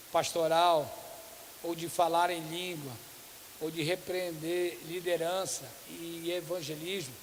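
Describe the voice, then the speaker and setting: A man preaching as a pastor at a conference for cell group leaders, telling lively stories and acting out church members. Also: sits high. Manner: animated storytelling preacher, acts out church members. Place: church hall. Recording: reverberant hall with faint hiss.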